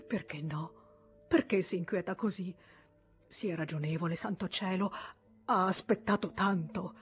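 A woman voicing a desperate male merchant with a weak, shrill voice. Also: unhurried, faint music behind, lightly acted. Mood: pleading. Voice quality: thin, shrill voice.

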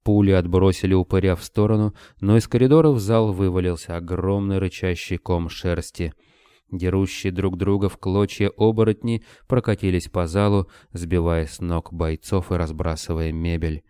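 A man narrating an audiobook in a steady, measured reading. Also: sits low, clear, resonant tone, dry recording.

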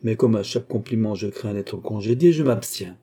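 A man voicing a courtly cardinal who flatters and coaxes a countess in an audiobook. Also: on the low side, brisk, husky. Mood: coaxing gallant. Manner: gallant, coaxing, flattering. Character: adoring, courtly older male cardinal.

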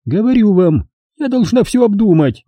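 A man's voice: high-pitched, sing-song, normal speed, husky, no echo, dull audio, pitched above the performer's own voice, heavily acted. A man voicing a prim, calculating elderly lady who speaks in a commanding tone. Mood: curt, commanding.

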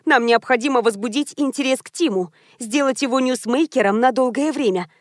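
A woman reading as a brisk, scheming publicist. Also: high-pitched, no room sound, studio quality, lightly acted. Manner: brisk, confident, persuasive.

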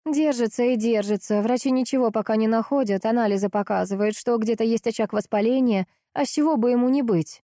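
A woman voicing a tired, worried young mother in an audiobook, speaking a little higher than her narration. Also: brisk, hardly any pauses, warm tone, no echo, studio quality, natural voice. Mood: weary.

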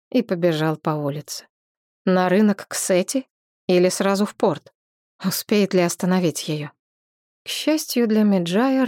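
Woman narrator, audiobook reading, lowish voice, dry close mic. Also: a little mellow, dry recording. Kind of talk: scripted narration.

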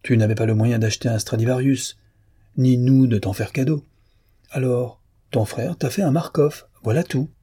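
A man voicing a calm, matter-of-fact young friend in a storybook reading. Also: mid-range voice, normal speed, breathy edge, close to an everyday voice. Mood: dry.

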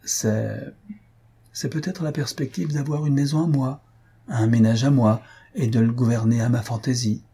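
Coy young bride, playful and bashful, voiced by a man; husky dark tone, for a storybook reading. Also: mid-range voice, steady tone, moderate pace. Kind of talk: audiobook character voice.

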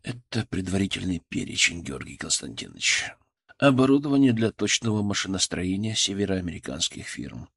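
A man voicing a cool, calculating middle-aged male foreign go-between, speaking in a measured, guarded way. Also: sits low, big pitch swings, vocal fry, fairly bright tone, husky, pitched below the performer's own voice, heavily acted.

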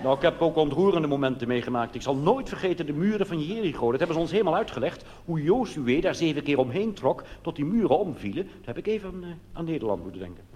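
Talking fast with few pauses, this cabaret comedian has a warm, fairly high voice that swings widely in pitch. He speaks with a Netherlands Dutch accent, giving a comic monologue on a theatre stage in a chatty style laced with colloquial asides. The live recording is noisy and the hall reverberant.

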